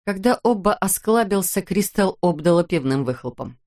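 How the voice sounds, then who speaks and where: Low-voiced woman reading a novel. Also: animated, moderate pace, darkish tone. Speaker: audiobook narrator. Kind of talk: scripted narration.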